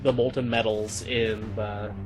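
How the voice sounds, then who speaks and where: A man's voice: fairly low pitch, little pitch movement, unhurried, soft background music. A man running a tabletop game as game master, narrating playfully and laughing often.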